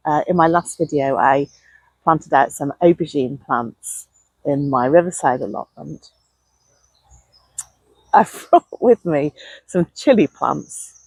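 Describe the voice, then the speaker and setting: A woman speaks in a low, somewhat husky voice. She chats informally to her viewers in a gardening video diary, recorded outdoors with a dry, echo-free sound. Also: darkish tone. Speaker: allotment gardening vlogger. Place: outdoors on an allotment.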